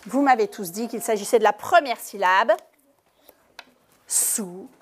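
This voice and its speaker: A woman teacher giving a lesson to young pupils in a classroom, speaking slowly and clearly and stressing each syllable. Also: medium pitch. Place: primary school classroom.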